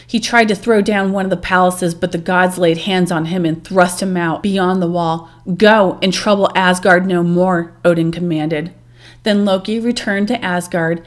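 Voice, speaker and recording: A woman storyteller reading a legend aloud at an even, measured pace. She later drops into relaxed, informal vlog chat with fillers and asides to her viewers. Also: lowish voice. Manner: steady reading, then chatty and informal. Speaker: storyteller and channel host. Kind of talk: myth read-aloud, then casual vlog chat.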